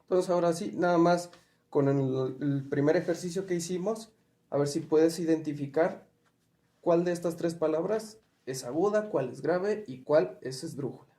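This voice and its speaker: In a warm voice pitched a little high and at a moderate pace, a man goes through spelling rules patiently, step by step. He questions his listeners and offers examples, and the sound carries a roomy echo.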